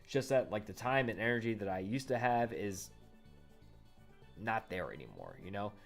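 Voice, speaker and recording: Very animated and gravelly, a fairly low-pitched male YouTuber in his late twenties talks at a normal speed over soft background music. He vlogs casually into a condenser studio microphone, rambling with lots of fillers and self-corrections.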